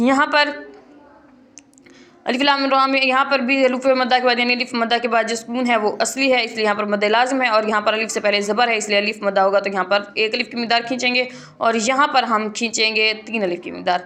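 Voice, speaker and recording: Woman, tajweed teacher, fairly high voice, patient, careful letter demonstrations. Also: steady tone, a bit bright. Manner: patient, repeats points, demonstrates letter sounds slowly and clearly. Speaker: Quran recitation teacher. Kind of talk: tajweed lesson.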